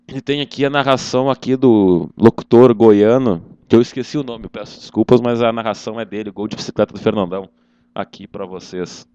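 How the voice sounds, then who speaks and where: A man's voice: fairly low pitch, a little fast, mellow, clean tone, no room sound, highs cut off. A man hosting a casual football chat, conversational and often adding tag questions. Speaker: football show host.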